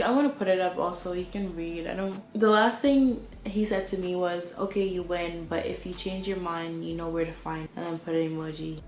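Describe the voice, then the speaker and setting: A woman's voice: mid-range voice, darkish tone, a little hiss or hum. A young woman telling a storytime vlog in a casual, exasperated rant full of restarts. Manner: exasperated, ranting, many likes and restarts. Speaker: vlogger. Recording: echoey room with faint ambience.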